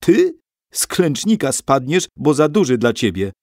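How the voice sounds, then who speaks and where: Mężczyzna czytający audiobooka, grający zadziorną dziewczynkę o piskliwym, oburzonym głosie. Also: male voice, wildly swooping pitch, normal speed, slightly rough, dry recording, studio quality, heavily acted. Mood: indignant. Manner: shrill, indignant shouting. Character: feisty loud young girl. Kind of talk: audiobook character voice.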